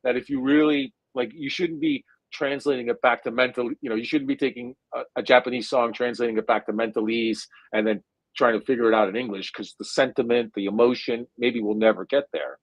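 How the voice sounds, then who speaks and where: A guest neuroscientist, a man in his 40s from India with a New Jersey accent, gives a conversational interview answer. He sounds thoughtful and hesitant, filling pauses with long, drawn-out "uh"s. His mid-range voice has fairly even intonation, with no room sound and the highs cut off.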